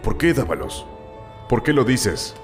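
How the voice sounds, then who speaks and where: A man's voice: mid-range voice, sing-song, unhurried. A man playing a stern detective who questions a witness in a commanding way. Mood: probing. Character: stern male detective, sharp and probing. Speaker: police inspector. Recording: roomy echo with loud music.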